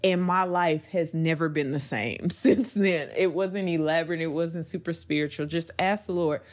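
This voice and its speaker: A woman's voice: low-pitched, normal speed. A woman hosting a faith-based podcast, talking earnestly in a rambling, personal way with frequent restarts. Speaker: podcast host.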